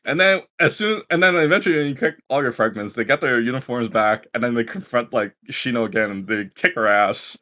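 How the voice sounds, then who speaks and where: Animated man in casual game chat. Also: fairly quick, hardly any pauses. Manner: animated, acts out game dialogue in high mocking voices, laughs often. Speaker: podcast co-host reviewing games.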